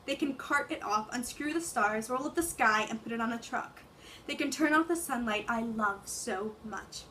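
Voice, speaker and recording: A woman's voice: on the high side, moderate pace, a bit bright, a little hiss or hum, lightly acted. A young woman performing a male monologue as a grieving, lovestruck man, in a mounting, impassioned delivery. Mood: passionate. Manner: building intensity, listing things. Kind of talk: dramatic monologue recitation.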